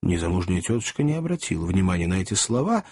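A man's voice: low voice, very animated, fast talker, darkish tone, husky. A man reading a novel aloud as an audiobook, voicing every character expressively. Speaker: audiobook narrator. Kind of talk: scripted narration.

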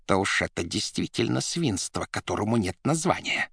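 A man voicing a grim, bitter male finance director who speaks slowly and heavily. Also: fairly low pitch, very animated, creaky, a bit bright, slightly rough, no echo, clean studio sound, heavily acted. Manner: slow, heavy, spiteful. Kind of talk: audiobook character voice.

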